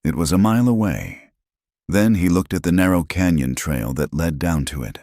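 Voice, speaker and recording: Very deep male audiobook narrator. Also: animated, darkish tone, dry recording, clean studio sound. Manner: measured, dramatic.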